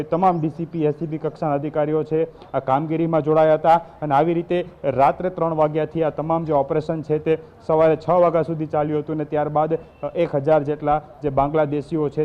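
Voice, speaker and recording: A man's voice: on the high side, dull audio. Level-voiced male field reporter outdoors. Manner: steady, level delivery with official lists. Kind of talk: live news report from the field. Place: outdoors at a police ground.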